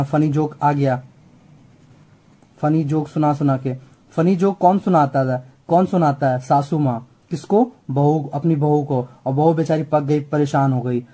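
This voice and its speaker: A man's voice: a little high, warm tone, poor audio. A man teaching a chatty exam-prep biology lesson, often repeating points and checking that students follow. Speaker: biology tutor.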